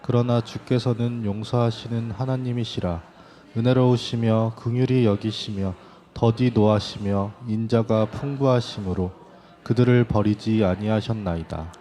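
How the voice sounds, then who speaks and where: A man reading scripture verses aloud in a steady, measured way. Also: fairly low pitch.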